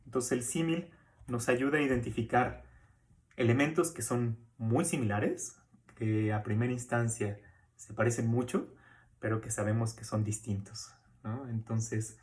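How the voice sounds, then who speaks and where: A man giving a recorded course lecture in a relaxed, conversational way, often checking in with tag questions and fillers as he explains. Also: mid-range voice, unhurried. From Mexico. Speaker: university lecturer.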